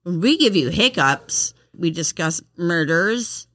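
A woman's voice: lowish voice, animated, slow pace, fairly bright tone, no room sound, clean studio sound. Giggly woman podcast host. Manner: giggly, often breaking into laughter. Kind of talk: casual chat.

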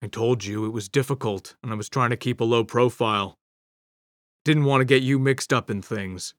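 A man's voice: mid-range voice, moderate pace, dry recording, clean studio sound, close to an everyday voice. A man voicing a secretive, defensive middle-aged man, answering in short, evasive replies. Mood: guarded. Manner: terse, evasive.

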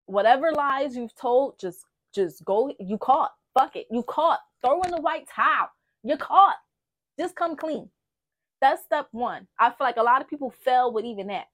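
A podcast host dishes out blunt, profane relationship advice in a casual, emphatic way during candid relationship talk. Her high voice is expressive and fairly bright, at normal speed.

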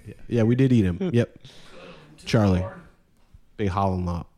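Low-voiced laconic man. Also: measured pace, mellow. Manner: laconic, dry short answers. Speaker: podcast producer and guest. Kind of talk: casual podcast chat.

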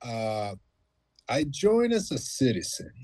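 A man in his mid-thirties, a guest telling his story in a relaxed, matter-of-fact way in a casual conversation. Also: mid-range voice, slow pace, no echo. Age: 30s. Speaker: guest, former Marine.

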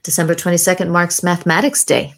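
A woman hosting a podcast, reading a scripted monologue in a measured, deliberate way with reflective pauses. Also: lowish voice, little pitch movement, vocal fry. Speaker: podcast host. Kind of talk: scripted narration, year-in-review monologue.

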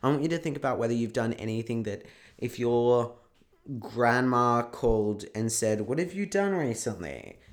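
A man's voice: medium pitch, lively intonation, moderate pace. A man hosting his own podcast, talking casually and bluntly in a motivational pep talk and swearing freely. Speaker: podcast host. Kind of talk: casual solo podcast monologue.

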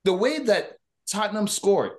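A man in casual football banter, excitable and slangy, often repeating his opening words as he jumps in. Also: sits high, measured pace.

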